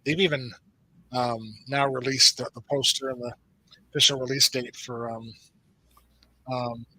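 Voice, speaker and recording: A man's voice: medium pitch, measured pace, low-quality recording. A middle-aged man from the United States hosting a casual movie watch party chat, telling stories animatedly. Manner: animated storyteller, acts out quoted voices.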